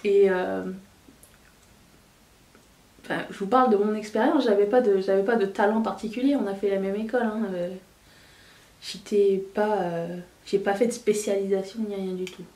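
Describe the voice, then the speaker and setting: A woman's voice: mid-range voice, steady tone, normal speed, long pauses, dark tone, distant mic. A candid woman in her thirties talks casually to her viewers, chatty and loose, often circling back to restart a thought. Her voice sits back from the microphone. The room around her rings noticeably. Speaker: vlogger. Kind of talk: casual chat to camera. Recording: roomy, voice a bit away from the mic.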